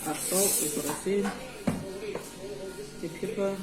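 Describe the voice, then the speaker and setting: A woman's voice: medium pitch, takes it slowly. A woman with a New Zealand Māori accent giving an easygoing, informal cooking tutorial, mixing in Māori words. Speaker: home cook presenting a recipe. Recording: roomy echo with music behind. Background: music.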